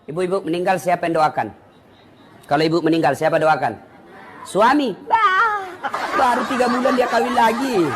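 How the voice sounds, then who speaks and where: A man's voice: high-pitched, moderate pace, long pauses, heavy background noise. A man preaching a humorous sermon, teasing the crowd and quizzing them with questions. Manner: teasing, animated, quizzes the audience.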